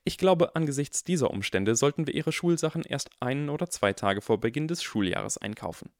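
A man's voice: medium pitch, lively intonation, dry recording, clean studio sound, voice pushed up, lightly acted. A man voicing a stern, formal older female witch professor in an audiobook reading. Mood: dry formal. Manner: formal, measured, hesitant at times.

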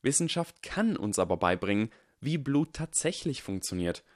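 A man reading the part of a calm, earnest young wizard who explains his reasoning in a measured, persuasive way. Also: mid-range voice, dry recording, studio quality, voice pushed up, lightly acted. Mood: earnest lecturing. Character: calm, earnest boy wizard lecturing on science.

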